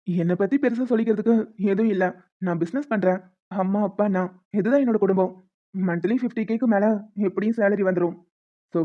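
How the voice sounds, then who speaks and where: A woman's voice: mid-range voice, lightly acted. A woman voicing a confident young man who speaks frankly as a suitor in a cartoon. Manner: direct, quick, frank. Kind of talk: cartoon voice acting. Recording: dull lo-fi sound with faint music.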